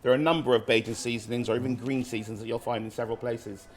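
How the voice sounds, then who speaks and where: A man's voice: mid-range voice, fairly even intonation, quick pace, a little hiss or hum. A man from Barbados, casually explaining dishes as a street-food cook in a cooking demonstration. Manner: informal, explanatory.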